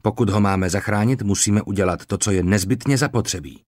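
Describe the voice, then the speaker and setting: Cool, methodical Roman army surgeon, voiced by a male reader, low and steady, dry audiobook sound. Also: no room sound, close to an everyday voice. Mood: measured. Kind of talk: audiobook character reading.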